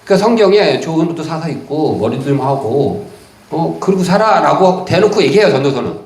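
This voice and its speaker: Lively pastor in an echoey church. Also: male voice, a little high. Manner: lively conversational preaching, reads verses slowly then paraphrases in casual speech. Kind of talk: sermon. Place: church sanctuary.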